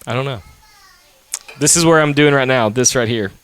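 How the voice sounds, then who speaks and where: A man's voice: medium pitch, moderate pace, fairly bright tone, clean tone. Joking, foul-mouthed man in his thirties. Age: 30s. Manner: joking, swears freely, playful teasing. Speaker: podcast co-host. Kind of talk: casual chat.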